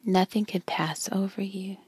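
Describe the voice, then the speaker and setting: A woman guiding a meditation in a slow, soft whisper with long pauses. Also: medium pitch, steady tone, breathy edge, dry recording. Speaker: meditation guide. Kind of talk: guided meditation.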